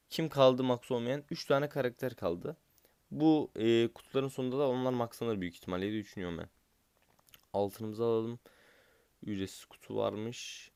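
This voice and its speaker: Young male gaming commentator, impatient and cursing, smooth voice, dry close sound. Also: on the low side, a little mellow, no room sound. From Turkey. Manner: frustrated, impatient, swears at the game. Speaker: gaming YouTuber.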